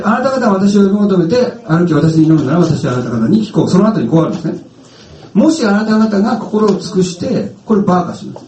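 Animated pastor in an echoey room. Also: male voice, sits high, distant mic. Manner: chatty, animated, asks the audience questions. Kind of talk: casual sermon with film anecdote.

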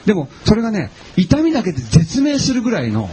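Lively, animated male pastor preaching. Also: sits high, fast talker, slight background noise, poor audio. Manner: chatty and animated, asks the audience questions. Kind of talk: sermon with personal stories.

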